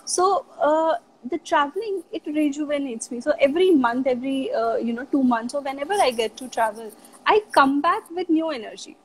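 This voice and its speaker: A woman with a high, expressive voice talks at normal speed, though the audio is poor with a little hiss or hum. She's a guest in a casual live video chat interview, chatting about travel and her teaching work and sprinkling in plenty of "you know" fillers.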